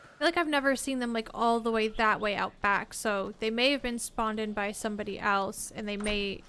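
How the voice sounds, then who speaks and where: A woman's voice: medium pitch, normal speed, bright, forceful tone, slight background noise. A woman livestreaming a game, chatting casually and talking to viewers and teammates by name. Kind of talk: casual gameplay chat while reading chat.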